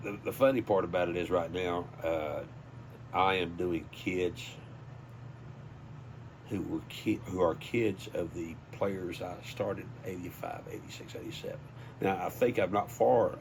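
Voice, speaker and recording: This older Southern US man speaks at a normal pace in a deep, gravelly voice over background noise. He's a high school sports PA announcer being interviewed, and he spins folksy, anecdotal stories in an easygoing manner.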